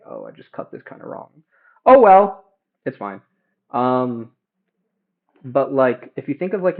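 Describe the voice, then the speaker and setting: A young man chatting casually and haltingly while cooking at home, livestreaming through headphones used as a mic. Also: mid-range voice, narrow, tinny audio. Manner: hesitant, halting, self-questioning. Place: home kitchen. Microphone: headphones used as a phone mic.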